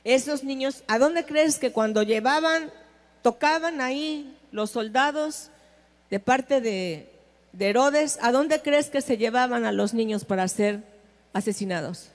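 A woman's voice: high-pitched, measured pace, in a large hall. A woman giving a sermon, speaking emphatically and putting questions to her listeners. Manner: emphatic, asks the audience questions. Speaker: preacher.

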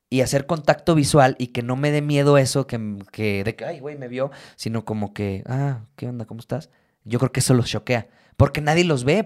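A young man with a Mexican Spanish accent, chatting casually as a co-host, telling stories with lots of swearing and animation. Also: medium pitch. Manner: animated storyteller, swears freely. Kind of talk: casual chat.

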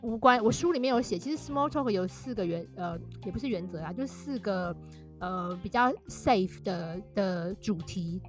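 A woman's voice: medium pitch, lively intonation, moderate pace, over music. Explanatory woman guest. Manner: explanatory, laughs often. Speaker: guest author. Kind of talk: casual podcast conversation.

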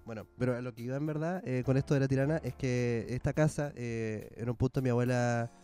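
A man's voice: medium pitch, fairly quick, smooth, faint music behind. A young man with a Chilean accent, co-hosting a casual podcast, telling comic stories with lots of slang and laughter. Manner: slangy, laughs often, animated retelling. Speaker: podcast co-host, comedian. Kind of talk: casual chat, comic storytelling.

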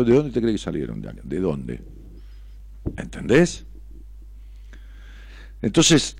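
An Argentine-accented man talking on his radio show, a therapist by trade. His pitch swings widely as he pushes question after question at the listener, swearing as he goes. The sound is dry and close, with no room echo. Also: a little mellow. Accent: Argentine Spanish. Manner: heated, rhetorical questioning, swears freely. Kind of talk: radio talk monologue.

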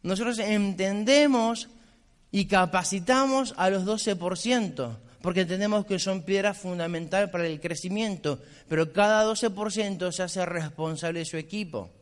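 A man delivers a motivational speech as a business mentor. He speaks with a high voice and drives his points home bluntly, repeating them insistently. His voice rings out with the long reverb of a hall. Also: normal speed. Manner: blunt, insistent, repetitive exhortation.

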